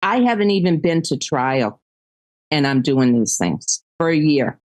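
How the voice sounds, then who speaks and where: An older woman, a grandmother, speaking as a guest in a casual interview, plainspoken and quick to laugh. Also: deep voice, very animated, a little mellow, no echo.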